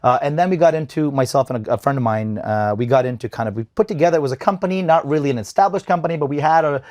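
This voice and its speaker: A man's voice: fairly high pitch, very fast, a little mellow, no room sound, studio quality. A man in his thirties from Bosnia, a podcast guest in casual interview talk, often restarting and repeating words. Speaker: podcast guest, event company owner.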